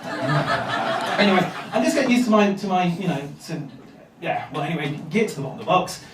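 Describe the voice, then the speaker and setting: A male stand-up comedian from England with a high voice, rambling through his set with hesitant fillers and deadpan delivery. He is recorded in a roomy club, heard from a distance with the audience around him. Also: quick pace, noisy background.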